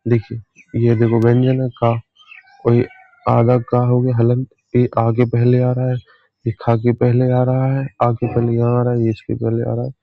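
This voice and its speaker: A man teaches an exam-prep grammar lesson in a steady, level voice with little rise and fall. He keeps checking in and repeats his main points as questions. The sound is dry and a little dull, with hardly any room echo. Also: medium pitch, normal speed. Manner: repeats key points as questions, often says "ठीक है".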